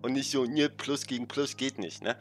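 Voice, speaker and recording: A man's voice: medium pitch, normal speed, faint music behind. A man casually rambling through funny anecdotes while commenting on a game, tagging his sentences and laughing along. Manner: rambling, chatty, constant "ne?" tags, laughs at own stories. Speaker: let's play streamer. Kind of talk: casual gameplay commentary and storytelling.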